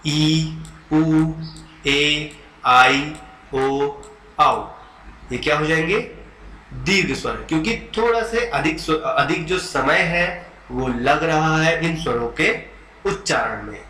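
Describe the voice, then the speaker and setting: A man's voice: a little high, sharp tone. A man teaching Hindi grammar in an exam-prep lecture, explaining patiently, repeating key terms and sounding out vowels for students. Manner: explains slowly, repeats terms and checks with "ठीक है". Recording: echoey room with faint background noise.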